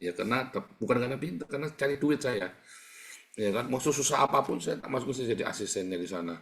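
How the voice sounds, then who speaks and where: Animated middle-aged preacher man. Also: quick pace. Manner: animated storytelling, big swings in pitch and loudness. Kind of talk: sermon with personal anecdote.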